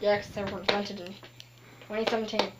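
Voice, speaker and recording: A woman's voice: medium pitch, level tone, a little fast, a little hiss or hum. A woman joking with a friend on camera, offhand and teasing, trailing into fillers. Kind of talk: casual chat on camera.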